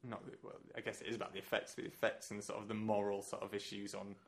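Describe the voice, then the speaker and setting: A man in a casual film chat, hesitant and halting, full of fillers as he gives his views. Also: fairly low pitch, monotone, gravelly.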